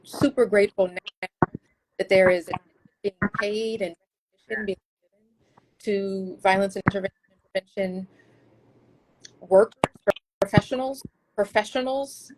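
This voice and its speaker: A woman speaking as a guest researcher in a casual interview, earnest and thoughtful, often pausing and restarting her sentences. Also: mid-range voice, fairly even intonation, a little mellow, slight background noise, low-quality recording.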